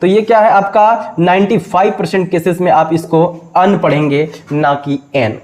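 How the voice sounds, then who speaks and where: A man's voice: sits high, steady tone, moderate pace, darkish tone, low-quality recording. A man teaching pronunciation in a video lecture, explaining step by step and asking and answering his own questions. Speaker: English teacher.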